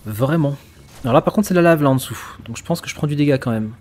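A man giving casual let's play commentary in French, reacting excitably and swearing now and then. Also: a little high, fast talker, a little hiss or hum. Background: faint video game music.

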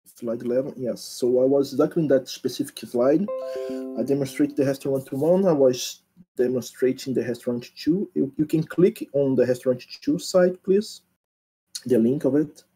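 A man in his thirties presenting a technical demo over a video call, talking haltingly and asking others to switch slides and screens. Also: mid-range voice, warm tone, slightly rough, faint music behind, poor audio. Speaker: presenter at an online developer meetup. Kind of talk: live technical demo talk.

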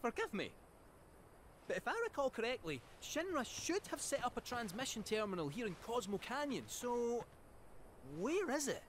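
Chirpy talky cat-bot, lots of swoop, showy. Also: male voice, extremely high pitch, big pitch swings, moderate pace, slight background noise, exaggerated voice. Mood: hedging. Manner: bouncy, rhyming, showman-like. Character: chatty male robot cat fortune-teller, jaunty. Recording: game audio over loud score.

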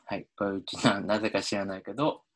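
A man lecturing on linguistics over slides, talking in an animated way with many hesitations, fillers and restarts. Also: quick pace. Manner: animated, pitch swinging up and down. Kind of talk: explaining phonology over slides.

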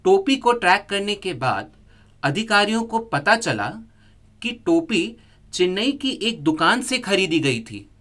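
A man reading a scripted news report as a voice-over, in a steady, measured way. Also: sits high.

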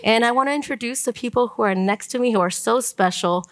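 A woman in her forties moderating a conference panel on stage, talking with many pauses and fillers. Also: fairly high pitch. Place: conference stage before an audience.

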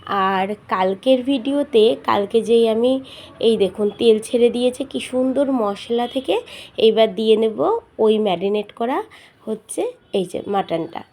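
A middle-aged woman speaks, her voice a little hoarse from a cold and sitting slightly high. She chats warmly to her viewers as friends while demonstrating a home recipe. She records on a mobile phone in her home kitchen. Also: lively intonation, unhurried. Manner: chatty, addresses viewers as friends. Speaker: home cooking vlogger. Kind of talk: casual cooking demonstration.

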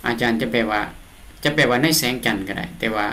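Here the Lao-accented man's voice is medium in pitch, bright and forceful. Teaching his class, he translates an English storybook one line at a time, reading the lines aloud, repeating words and explaining slowly and patiently.

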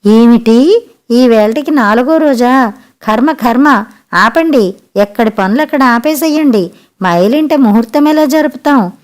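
A woman reading a story aloud, voicing an older female relative who scolds loudly and clings to tradition. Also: a little high, animated, measured pace. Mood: agitated. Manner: loud, scolding, domineering. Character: bossy older woman relative, rigid about custom. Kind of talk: audiobook character voice.

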